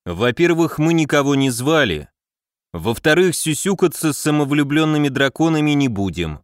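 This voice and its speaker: A man's voice: very animated, normal speed, no echo, clean studio sound. A man voicing a stern, firm warrior hero in an audiobook. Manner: firm, rumbling.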